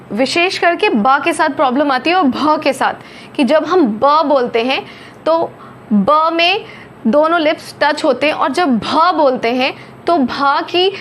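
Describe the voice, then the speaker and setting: High-voiced woman teaching Hindi letter sounds. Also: a little hiss or hum. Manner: slow, over-articulated letter sounds. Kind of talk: phonics lesson.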